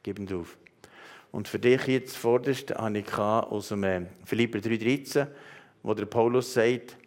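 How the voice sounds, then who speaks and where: A man's voice: medium pitch, steady tone, moderate pace. Earnest Swiss German preacher man. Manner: earnest, addresses listeners directly, many hesitations. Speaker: pastor. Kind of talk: sermon with prophetic words.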